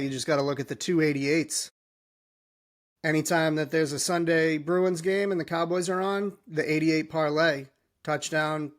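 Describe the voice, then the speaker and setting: Fired-up podcast guy venting, gravelly voice, kinda out of breath, bit high. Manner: worked up, frustrated, swearing. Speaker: podcast host. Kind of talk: ranting sports commentary.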